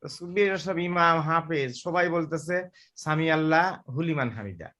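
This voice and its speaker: A man asking questions as a student in an online class, carefully sounding out words slowly to show what he means. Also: a little high, bright, forceful tone. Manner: careful, demonstrates pronunciation slowly.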